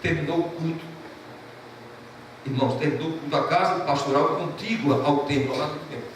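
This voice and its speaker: A man's voice: fairly high pitch, a little fast. A male pastor preaching a sermon, passionate and emotional as he tells a story. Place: church sanctuary. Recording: echoey church from a distant mic, noisy.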